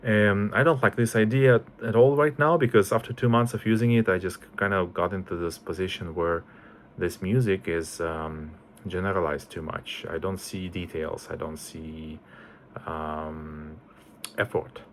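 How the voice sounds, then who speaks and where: A man's voice: low-pitched, steady tone, a little slow, a little hiss or hum. A man in his forties from Estonia, introducing himself as a composer in a casual, hesitant way with many fillers. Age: 40s.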